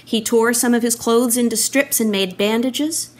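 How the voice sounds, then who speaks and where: A middle-aged woman telling a children's story for a church, expressive and animated, recorded on a laptop webcam at home. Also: on the high side, moderate pace. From Canada. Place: wood-panelled room at home, indoors. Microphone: laptop webcam, close framing.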